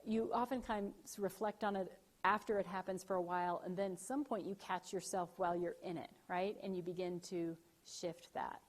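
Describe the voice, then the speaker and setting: A woman giving a lively university talk, chatty and often checking in with her listeners. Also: lowish voice, normal speed. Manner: chatty, frequent "right?" check-ins, animated retellings. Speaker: university lecturer. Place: event room.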